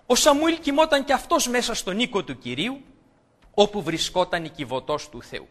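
A man's voice: high-pitched, expressive, a bit bright. A man preaching a sermon, explaining scripture and asking his listeners rhetorical questions.

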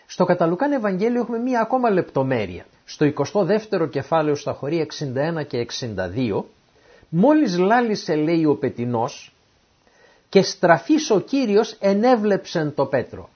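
Here a man with a husky voice on the high side explains a Bible passage in a sermon, first reading the verses and then putting them into plain, everyday words. His manner is animated, and he performs the voices of the quoted speakers. It's a dull, lo-fi recording.

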